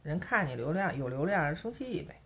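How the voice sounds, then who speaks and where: A woman's voice: low voice, big pitch swings, brisk. A woman with a Beijing accent chatting casually to camera as a vlogger, peppering her talk with rhetorical tag questions. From Beijing, China.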